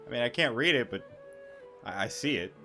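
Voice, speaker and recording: A man with a mid-range, bright, pushed voice and lively intonation streams a story quest, reacting fairly quickly. His let's-play commentary is casual, blunt and full of swearing, with muttered asides over background game music.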